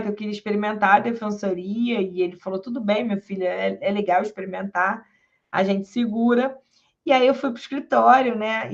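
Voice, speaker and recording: A woman, a public defender, giving a lecture and telling stories from her career in a lively way, acting out the people she quotes, with a Rio de Janeiro accent. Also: mid-range voice. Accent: Rio de Janeiro Portuguese. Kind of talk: storytelling lecture. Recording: dull lo-fi sound.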